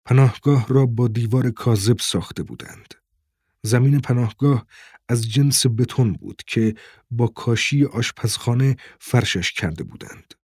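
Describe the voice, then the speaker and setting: A man narrates a novel in a steady, measured reading voice. His tone is husky and mid-pitched. The recording is dry and close, with no room sound. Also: no room sound. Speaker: audiobook narrator. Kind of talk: scripted narration.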